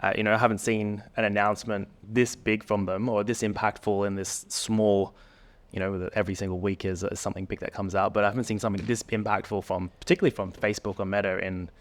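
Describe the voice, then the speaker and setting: A man with a somewhat low voice co-hosts a podcast. He talks casually, with plenty of enthusiasm and emphasis. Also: little pitch movement, fast talker. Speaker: podcast co-host. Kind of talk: casual chat.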